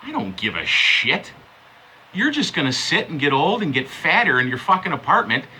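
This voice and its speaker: Bright-voiced man on a profane rant. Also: fairly high pitch, wildly swooping pitch, moderate pace, husky, low-quality recording. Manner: profane, sarcastic, confrontational. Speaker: vlogger. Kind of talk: angry rant to camera.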